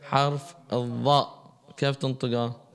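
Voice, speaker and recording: Gravelly man teaching religion. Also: mid-range voice, level tone, measured pace. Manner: asks the audience questions and answers them. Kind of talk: religious lesson to a class.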